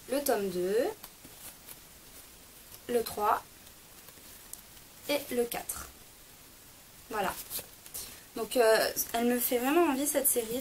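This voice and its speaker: A woman's voice: on the high side, poor audio. A young woman in a casual book haul vlog, chatty, with frequent hesitations and self-corrections. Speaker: book vlogger. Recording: faint background hiss.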